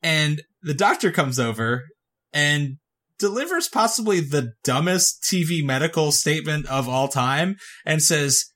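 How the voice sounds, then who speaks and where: A man's voice: fairly high pitch, lively intonation, measured pace, fairly bright tone. Dry sarcastic man recapping a show. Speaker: podcast host recapping a TV movie. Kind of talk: casual comedic recap.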